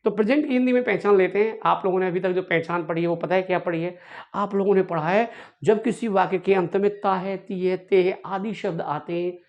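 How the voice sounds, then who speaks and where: A male English teacher giving an online grammar lesson, drilling words by repeating them slowly and addressing viewers fondly. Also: sits high, fairly even intonation, gravelly, muffled recording.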